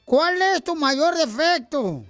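A man's voice: very high-pitched, animated, slow, soft background music, exaggerated voice. A man voicing a rowdy old male rancher comic who tells jokes, boisterous and slangy. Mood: teasing. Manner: boisterous, shouting catchphrases, slangy. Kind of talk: comedy sketch joke-telling.

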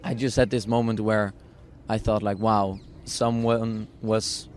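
Chatting casually in an interview, a young Dutch guest with a Dutch accent talks on the low side in a level tone, a little slowly, with a bit of hiss or hum. He hesitates a lot, restarting and using many fillers, and laughs often.

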